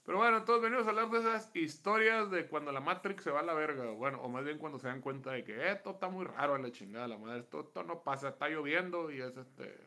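A man's voice: fairly high pitch, fast talker, few pauses, pushed and bright. A man with a Mexican accent, co-hosting a casual podcast with crude, profane, slang-heavy banter. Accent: Mexican Spanish. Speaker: podcast co-host. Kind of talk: casual comedic chat.

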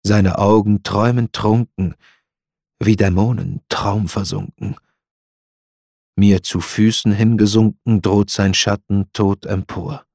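A man reciting a poem in a dramatic, impassioned way, swelling to loud outcries. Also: lowish voice, fairly even intonation, slow pace, vocal fry, no echo, studio quality. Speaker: professional speaker reciting a poem.

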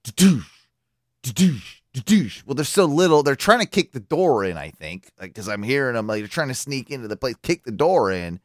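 Brief: male radio host, lively swooping pitch, dry close sound, profane rambling storyteller. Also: brisk, few pauses, dry recording. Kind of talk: casual storytelling chat.

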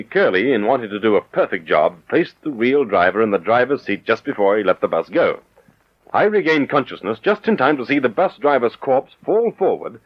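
An actor playing an urbane detective hero in an old-time radio drama, explaining in a measured, articulate way. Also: male voice, medium pitch, slightly rough. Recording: dull old radio recording with music.

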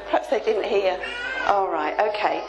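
A woman's voice: medium pitch, normal speed. A woman giving a sermon as a guest preacher in a church hall, chatty and asking the congregation questions, her voice carrying an echo through the hall speakers. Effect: echoey sound from the hall speakers.

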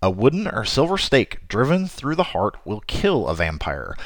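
A man playing a theatrical male radio host on a frontier broadcast, speaking with a raspy voice while he gets over a cold. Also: medium pitch, wildly swooping pitch, normal speed, no echo. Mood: showy. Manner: showy, dramatic announcer delivery. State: recovering from a cold. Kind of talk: radio drama monologue.

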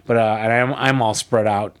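A man co-hosting a podcast, giving an animated, story-like recap of a board game in casual chat. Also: fairly low pitch, normal speed, clear, resonant tone. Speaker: podcast co-host.

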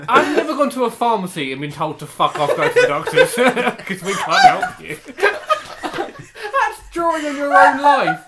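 A man's voice: very high-pitched, wildly swooping pitch, measured pace, heavy background noise. A man hosting a casual group game, joking and laughing as he tells stories and keeps time. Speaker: game host and timekeeper.

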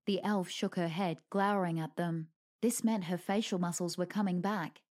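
A woman's voice: lowish voice, fairly even intonation, normal speed, a little mellow. Woman narrating a lighthearted fantasy tale. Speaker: storyteller. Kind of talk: storybook narration.

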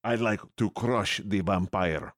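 A woman's voice: rumbling low, measured pace, voice pushed down. A woman voicing a blunt male vampire slayer with a put-on Russian accent and broken English. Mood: menacing blunt.

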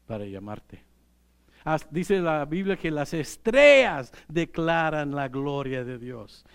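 Slow-speaking pastor, smooth voice. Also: male voice, high voice. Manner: unhurried, conversational preaching with light laughs. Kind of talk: sermon.

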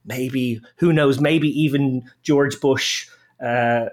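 A man's voice: medium pitch, fairly even intonation, slow pace. A man talking casually and with opinions as a podcast guest, qualifying his points as he goes. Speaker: podcast guest, poker player and commentator.

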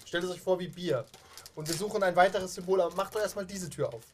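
A man's voice: high-pitched, quick pace, slight background noise, natural voice. A man voicing a very tall, buxom, haughty woman who talks in a stiff, old-fashioned formal way.

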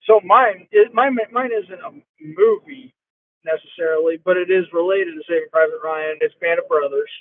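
A man's voice: a little high, normal speed. A man calling in as a guest from his truck, his voice muffled as if talking into a fan, chatting easily in brief replies. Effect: muffled line, like talking into a fan. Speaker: guest on a call. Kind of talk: casual podcast chat. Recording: tinny phone-like call line.

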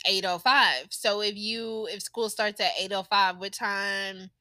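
Woman podcast host, bright tone, dry close mic, chatty and laughs a lot. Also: mid-range voice, measured pace, no room sound. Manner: laughs often, chatty and animated. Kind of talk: casual family chat.

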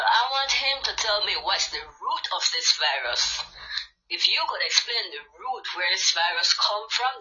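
A woman's voice: mid-range voice, bright, forceful tone, muffled recording. A woman with a Louisiana Creole accent in a casual talk show discussion, speaking with passion and urging listeners.

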